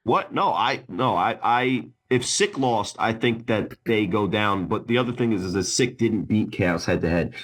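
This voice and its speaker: A man's voice: fairly low pitch, animated, normal speed, few pauses, a bit bright. A man co-hosting a casual sports podcast, arguing bluntly and swearing, often restarting with repeated words. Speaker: podcast co-host.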